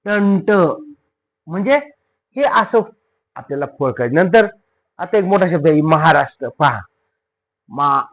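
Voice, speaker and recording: High-voiced man teaching spelling. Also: expressive. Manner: asks questions for the students and answers them himself; spells words slowly letter by letter. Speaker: English teacher. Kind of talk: spoken classroom-style lesson.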